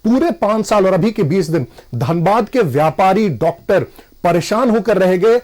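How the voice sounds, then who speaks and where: Brief: high-pitched male party spokesperson, forceful TV-debate arguer. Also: animated, normal speed. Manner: forceful, insistent, refuses interruption. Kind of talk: TV debate argument.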